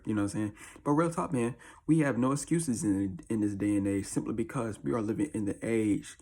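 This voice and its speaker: A man with a deep, husky early-morning voice, chatting casually as a video host in a slangy, repetitive way. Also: fairly quick, a little mellow. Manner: slangy, informal, repeats catchphrases. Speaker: YouTube host. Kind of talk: casual chat to camera.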